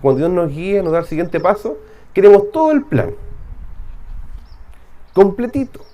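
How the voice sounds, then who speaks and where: A pastor with a Chilean accent preaches a conversational sermon to his congregation, full of rhetorical questions. His voice sits high and is very animated at a moderate pace. The sound is lo-fi.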